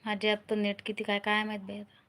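A woman's voice: mid-range voice, monotone, fast, fairly bright tone, a little hiss or hum. A middle-aged woman from Maharashtra, chatting casually on a live stream and repeatedly urging viewers to join and comment. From Maharashtra, India.

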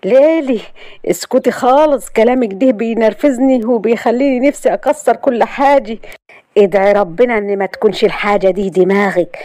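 A woman's voice: a little high, a little fast, mellow, no echo, studio quality, voice pushed up, lightly acted. A woman voicing a stern, protective young man with an Egyptian accent, who speaks in a curt, commanding way.

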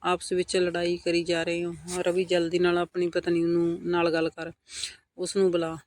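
A man narrating a first-person family story in an earnest, steady way, reading every character's lines himself. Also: high voice, normal speed. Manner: steady, earnest retelling of family drama, voicing all quotes.

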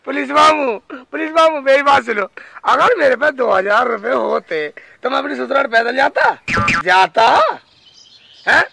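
High voice, very gravelly, whiny pleading village man played by a man, comedy skit. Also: a little slow, sharp tone, no echo, heavily acted. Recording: noisy background hiss.

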